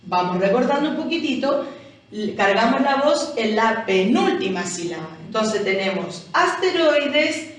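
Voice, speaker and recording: A woman's voice: on the high side, very animated, a little slow. A woman with a Chilean accent, a teacher explaining a lesson who often asks her listeners "¿cierto?". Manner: explanatory, keeps asking "¿cierto?". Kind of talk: recorded language lesson review. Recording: echoey room, voice from far off.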